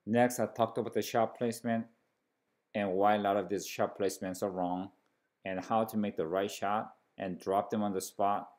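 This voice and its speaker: Low-voiced man recapping a hunting class. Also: fairly even intonation, normal speed, darkish tone. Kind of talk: explanatory narration recapping a class.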